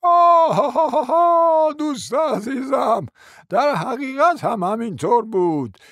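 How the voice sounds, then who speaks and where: A man's voice: high voice, very animated, creaky, dry recording, studio quality, heavily acted. An actor playing a confused, forgetful old prince in a radio play, stammering and repeating his fillers. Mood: delighted. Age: older.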